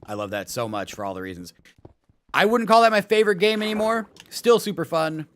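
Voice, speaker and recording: Chatty male streamer with a bright, high voice. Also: brisk, slight background noise. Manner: chatty, reads out chat, thanks viewers, bursts of excited laughter. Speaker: live streamer. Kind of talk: casual live-stream chat.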